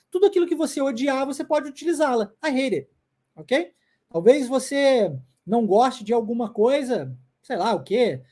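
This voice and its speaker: A woman's voice: a little high, warm tone. A woman with a Brazilian Portuguese accent giving an online English lesson, drilling phrases by repetition and often checking in with her listeners. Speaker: English teacher.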